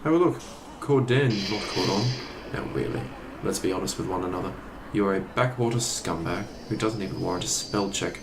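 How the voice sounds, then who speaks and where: A man acting a haughty, menacing Imperial officer in an audio drama, condescending and measured, with noisy ambience around him. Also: sits low, roomy sound. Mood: scornful. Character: haughty, menacing male Imperial captain and baron, villain.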